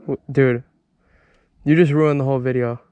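A young man chatting casually for a vlog in slangy, excitable talk while out riding dirt bikes. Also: mid-range voice, moderate pace, clear, resonant tone, no room sound, muffled recording. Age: young adult. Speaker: vlogger and dirt bike rider. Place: outdoors, in vehicles and open desert. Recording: noisy outdoor recording, motorcycle engines. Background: dirt bike engine noise.

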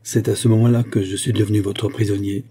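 A man reading as an anxious young man laying out his story in an audiobook. his delivery is earnest and measured. the voice underneath is very dark and husky. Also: lowish voice, little pitch movement.

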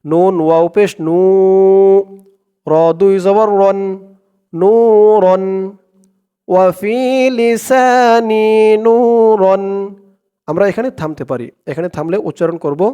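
A man teaching prayer recitation, spelling it out letter by letter and chanting each word slowly and drawn out. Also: sits high, dark tone. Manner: slow, drawn-out chanting of the Arabic words, brisk plain explanations between.

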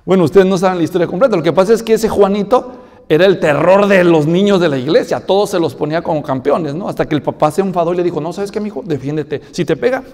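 A man's voice: high-pitched, darkish tone, long reverb tail. A male pastor preaching a sermon, telling a story and asking rhetorical questions.

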